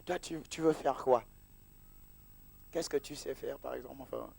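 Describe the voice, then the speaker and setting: A man's voice: medium pitch, fairly even intonation, normal speed, creaky, warm tone, breathy edge. A man preaching as pastor at a church service, casual and teasing, mixing sermon with banter with the congregation.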